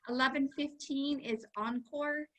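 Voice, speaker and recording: A woman from Canada, a kindergarten teacher, talks to parents over a video call in an upbeat, chatty way. Her voice is bright and ringing, a little higher than most women's. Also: steady tone, measured pace, muffled recording. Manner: enthusiastic, cheerful, chatty.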